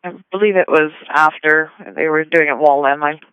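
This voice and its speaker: A man's voice: fairly high pitch, steady tone, a little fast, clean tone, no echo. A man working as a police dispatcher, talking over the radio in clipped codes. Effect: police radio transmission. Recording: muffled dispatch radio audio.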